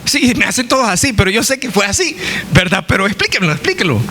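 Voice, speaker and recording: A man's voice: sits high, sing-song, fast, noisy background. A male pastor teaching a Bible study, who asks his congregation questions, answers them himself, jokes and acts out quoted voices.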